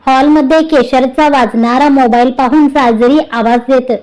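A woman's voice: high-pitched, fairly even intonation, normal speed, darkish tone, poor audio. A woman narrating a serialized family story, reading every character's lines in her own voice.

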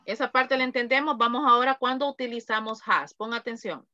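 A woman's voice: on the high side, steady tone, fairly quick. A woman teaching an online English class, prompting students with questions. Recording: dull lo-fi audio.

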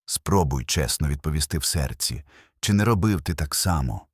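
A man's voice: a bass voice, expressive, moderate pace, husky, no room sound, studio quality. A man delivering a scripted sermon narration as a preacher, solemn and emphatic, building with short repeated phrases.

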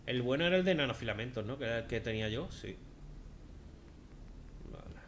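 A man with a Spanish accent from Spain, giving chatty, sarcastic let's-play commentary with sudden loud outbursts. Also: mid-range voice, expressive, fairly quick, slight background noise. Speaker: gaming video host. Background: game music.

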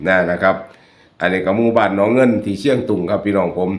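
A man's voice: deep voice, fast. A man with a Northeastern Thai Isan accent, hosting his channel and chatting jokingly with viewers over photos. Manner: chatty, joking, addresses viewers as brothers and sisters. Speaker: YouTube channel host. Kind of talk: casual commentary over photos. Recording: roomy echo.

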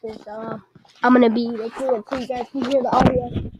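A woman's voice: on the high side, little pitch movement, a little fast, very noisy. A woman casually commenting on her gameplay, hesitant and chatty with lots of fillers, through a muffled microphone. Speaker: gaming video host. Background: game music.

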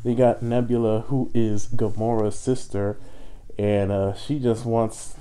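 A man's voice: on the low side, little pitch movement, a little slow, dark tone, clear, resonant tone. Muffled man talking inside a costume head. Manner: enthusiastic, rambling with fillers. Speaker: movie reviewer. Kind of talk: casual movie review. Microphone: muffled inside a fursuit head.

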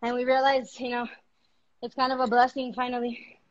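A woman's voice: on the high side, monotone, normal speed, dull audio. A woman co-hosting a live workout from her home garage over a video call, breathless and joking about the effort. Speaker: workout co-host. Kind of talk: casual chat during a workout.

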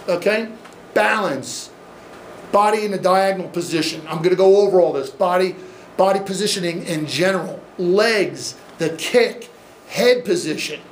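Standing before a projection screen in a dim event room, a middle-aged Midwestern swim coach presents to a live crowd, energetic, gesturing, and conversational, filling pauses with "uh." His fairly high voice reaches a distant audience camera, with no mic visible, sounding roomy and echoey over a faint hum.

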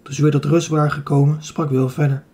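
A man narrating a children's adventure audiobook in an even, steady storytelling manner. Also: a little high, fast talker, slightly rough. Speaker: audiobook reader. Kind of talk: scripted narration of a children's novel.

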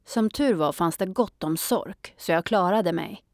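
A woman narrating a children's audiobook in a calm storytelling manner. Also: lowish voice, no room sound, clean studio sound.

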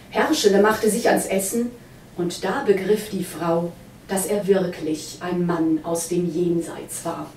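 A woman reading literary prose aloud at a public reading, in a measured, expressive storytelling manner, in a university lecture room. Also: medium pitch, slight background noise. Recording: roomy hall, voice from a distance.

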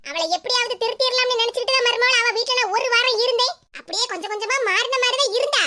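Casting: a quarrelsome, cackling old cartoon mother-in-law, very high and fast, Tirunelveli Tamil accent. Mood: plotting. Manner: scolding, theatrical, cackling. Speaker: cartoon voice actor. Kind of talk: comic cartoon voice acting. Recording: noisy recording.

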